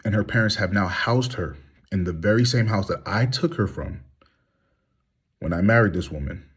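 His lowish voice carries a breathy edge and moves at a moderate pace. The man, a vlogger in his thirties, is heated and blunt, asking rhetorical questions in a candid monologue. He reclines in a small room, filming on a phone at arm's length.

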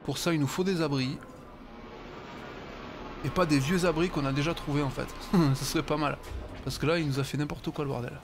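A man's voice: on the high side, fairly even intonation, a little fast, long pauses, over music. A man giving casual gaming commentary, muttering to himself and swearing offhandedly. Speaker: let's play host.

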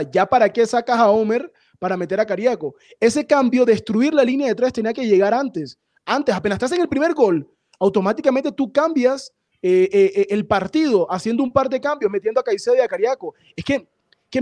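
High-voiced guy breaking down a soccer match on radio, calm and explanatory, dry sound. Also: dry recording. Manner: measured, explanatory, addresses listeners as muchachos. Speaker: sports radio commentator. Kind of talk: sports analysis commentary.

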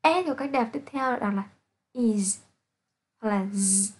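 A woman teaching an English pronunciation lesson, reading out sounds and example words slowly and carefully to her students. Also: on the high side, expressive, husky. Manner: slow, careful, spelling out sounds one by one.

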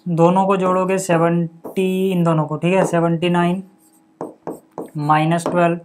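A man's voice: high voice, little pitch movement, a little slow, background noise. A male maths teacher talking through a solution step by step. He keeps asking the viewer what comes next and then answers himself, and drops in casual filler words like "okay" and "buddy". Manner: reads out numbers and steps one by one. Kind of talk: step-by-step board lesson.

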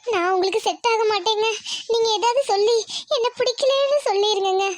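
A woman's voice: very high voice, a little fast, dry recording, studio quality. A woman voicing a scheming young bride-to-be in a cartoon, speaking politely and then muttering sly asides. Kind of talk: Tamil cartoon dubbing with asides.

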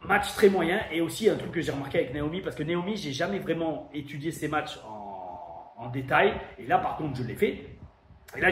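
Chatty French reviewer man, echoey room. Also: on the high side. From France. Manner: chatty, emphatic, thinks aloud. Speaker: wrestling show reviewer. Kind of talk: casual review monologue. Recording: echoey room with faint noise.

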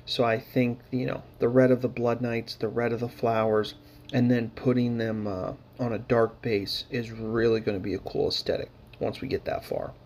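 A man's voice: medium pitch, flat delivery, moderate pace, darkish tone, a little hiss or hum. A man casually narrating his hobby painting footage, rambling with lots of fillers and dry, sarcastic humor.

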